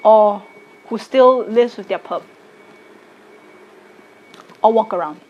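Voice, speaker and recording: A woman, giving a slow, deliberate personal statement to camera. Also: mid-range voice, a little mellow, dull audio. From Singapore. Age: late 20s. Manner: slow, deliberate, measured delivery. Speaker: arts educator and content creator.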